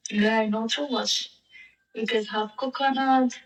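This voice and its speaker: A woman's voice: on the high side, fairly even intonation, unhurried, distant mic. A woman chatting casually on a live-stream app, speaking in a playful, teasing manner. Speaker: language exchange chat partner. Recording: echoey and off-mic.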